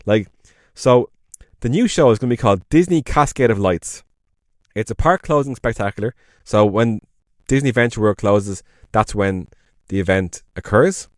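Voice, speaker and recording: A man's voice: on the low side, lively intonation, moderate pace, no room sound, clean studio sound. An Irish man co-hosting a podcast, chatting casually and enthusiastically, rambling and correcting himself as he goes. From Ireland. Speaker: podcast co-host. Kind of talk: casual chat.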